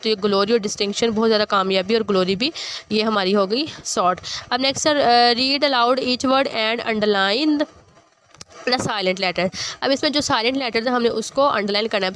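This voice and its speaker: Lady teacher going through a workbook, highish voice, soft hum behind. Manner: reads English lines slowly, then explains them. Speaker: English teacher. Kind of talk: explaining a school exercise.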